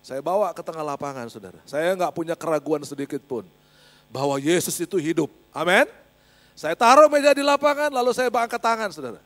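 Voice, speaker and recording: A man's voice: on the high side, lively intonation, brisk, fairly bright tone. A male pastor giving an emphatic sermon with a personal testimony, often turning to address the congregation directly.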